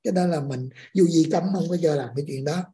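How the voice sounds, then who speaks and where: A woman calmly explaining spiritual practice. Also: low-pitched, fast talker. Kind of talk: religious discussion.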